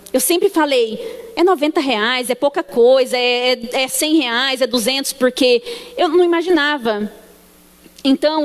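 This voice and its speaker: A woman with a Brazilian Portuguese accent gives a church testimony in a sanctuary. She tells her story with feeling and acts out the dialogue. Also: sits high. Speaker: church member giving testimony. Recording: long church hall reverb.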